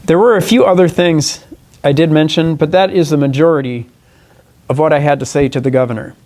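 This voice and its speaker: Reading part of a formal statement at a press conference, a congressional candidate speaks earnestly and deliberately. His voice is slightly high for a man, with a darkish tone. At times he stumbles and corrects himself as he reads or explains.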